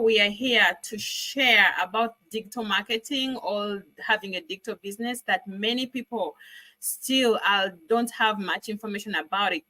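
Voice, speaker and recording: A woman's voice: medium pitch, pushed and bright, dry recording, rough recording. A woman, hosting an online business livestream in an upbeat, welcoming way. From Uganda. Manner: upbeat, welcoming, lots of thank-yous. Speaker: host.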